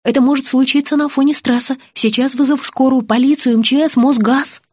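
Sugary, insistent lady dentist read by a woman, high voice, dry close sound. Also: fairly even intonation, fairly quick, darkish tone, slightly rough, no echo. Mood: anxious. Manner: cooing, insistent.

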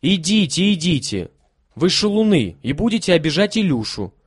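A bossy but kind little rich girl, lively and high, full of bounce as she gives orders, as a male reader puts her on. The storybook voice rises and falls a lot. The recording is dry and close. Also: fairly quick, breathy edge, no room sound, heavily acted. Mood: commanding. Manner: raised, insistent voice.

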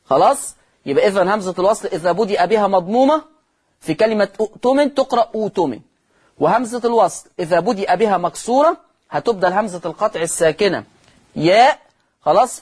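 A man with an Egyptian accent teaching Quran recitation rules on a broadcast lesson, repeating key words, asking and answering his own questions, and drawing out example words slowly. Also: high voice, expressive, breathy edge.

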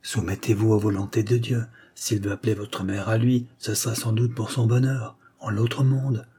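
A man voicing a scheming young cavalier who coaxes a lady in a hushed voice. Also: lowish voice, moderate pace, breathy edge. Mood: coaxing. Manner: hushed, coaxing.

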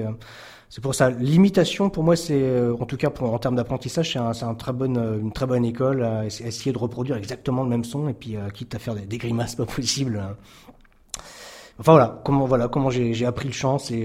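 A man's voice: medium pitch, darkish tone. French man musician, hesitant interview talk. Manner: hesitant, many fillers and restarts. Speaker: guest musician. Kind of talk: interview conversation.

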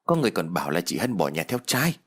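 A man voicing a timid younger brother who speaks hesitantly to calm his family. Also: sits low, quick pace, breathy edge, pitched below the performer's own voice, exaggerated voice. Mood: placating. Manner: hesitant, placating. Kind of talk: audiobook character voice.

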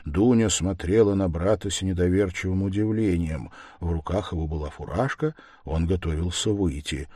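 A man narrating a classic novel as an audiobook in a measured, even manner. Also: deep voice, no echo, clean studio sound.

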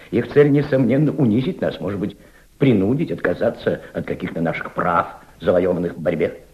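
A male actor with a lowish voice plays an impassioned senior Soviet diplomat in an audio play, mentoring a young subordinate. His rhetoric is emphatic and didactic, with deliberate repetition, and his mood is urgent. The sound is lo-fi.

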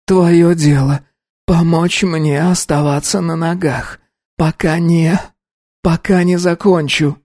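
A man's voice: a little high, fairly even intonation, takes it slowly, darkish tone, no room sound, clean studio sound, voice pushed up. A man voicing a stubborn young woman painter who snaps and growls orders. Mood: fierce. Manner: snapping, growling commands.

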